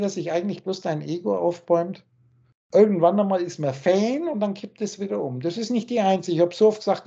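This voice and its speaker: A man on a video call, lecturing and scolding in a forceful, preachy way, with crude words thrown in. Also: high-pitched, breathy edge. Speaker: spiritual teacher. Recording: dull lo-fi call audio.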